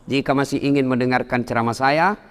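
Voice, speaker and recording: A middle-aged man giving a humorous sermon to a congregation, telling animated stories with his voice jumping high at the punchlines. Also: a little fast, clear, resonant tone. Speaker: preacher. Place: mosque or large hall before a congregation. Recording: long hall reverb.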